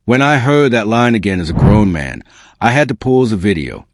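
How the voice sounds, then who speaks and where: A man's voice: lowish voice, sing-song, moderate pace, no room sound, studio quality. A man delivering scripted celebrity exposé commentary as an online host, in a slangy, incredulous, smug and sarcastic manner.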